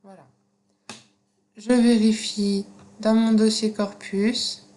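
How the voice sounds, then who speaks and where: A woman with a non-native French accent giving a screen-recorded software tutorial, explaining steps slowly with frequent fillers. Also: mid-range voice, level tone. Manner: slow, step-by-step instructions with frequent fillers. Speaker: teacher.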